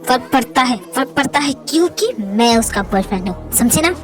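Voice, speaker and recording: A woman doing a possessive rich young man in an amateur fan dub, bossy and threatening. She pushes her voice down well below her own high natural register to play him. The lines come out commanding and low for her. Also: lively intonation, brisk, over music, close to an everyday voice.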